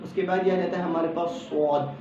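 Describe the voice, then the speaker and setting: A man with a Pakistani Urdu accent teaching Quran letter pronunciation, patiently explaining each letter and then saying it slowly as a model. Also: a little high, steady tone, dark tone. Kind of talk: step-by-step pronunciation lesson. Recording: echoey, distant, dull lo-fi sound with faint background hum.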